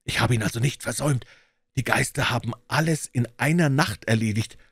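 A man's voice: mid-range voice, a little fast, gravelly, fairly bright tone, husky, no room sound, studio quality, voice pushed up. A man voicing an overjoyed old male miser, exclaiming giddily in a storybook reading. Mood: eager. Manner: exclaiming, breathless and giddy.

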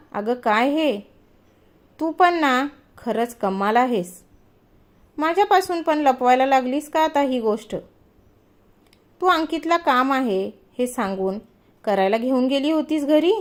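A bold, mocking middle-aged auntie, as a woman storyteller puts her on, full of teasing questions. The voice sits a little high and carries a sly edge.

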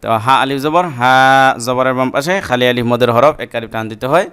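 A man teaching Quran reading with a Bangladeshi Bengali accent, spelling words out syllable by syllable and chanting verses in long drawn-out phrases. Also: medium pitch, fairly bright tone, clean tone. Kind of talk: slow spelling-out lesson with chanted recitation.

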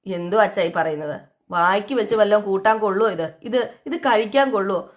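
A woman's voice: medium pitch, brisk, close to an everyday voice. A woman doing a grumbling young husband. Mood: irritated.

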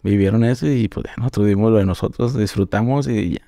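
Gravelly laid-back man from northern Mexico. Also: lowish voice, quick pace, dry recording, studio quality. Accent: northern Mexican (Monterrey). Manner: relaxed slangy storytelling, laughs often. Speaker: podcast guest. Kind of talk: casual chat.

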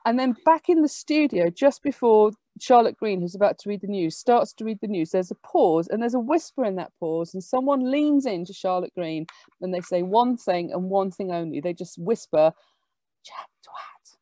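A woman giving an academic lecture, explaining lively with quick asides. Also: medium pitch, dry recording.

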